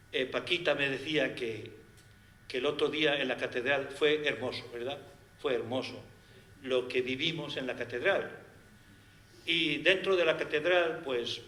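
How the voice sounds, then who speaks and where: Slow, bright-voiced Spanish priest. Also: male voice, mid-range voice, reverberant. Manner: halting, gentle pastoral speech with many pauses. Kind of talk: homily introducing a song.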